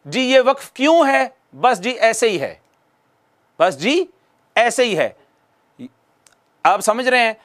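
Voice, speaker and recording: Male recitation teacher from Pakistan, high-pitched, patient, repeats himself for emphasis. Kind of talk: video lesson to viewers.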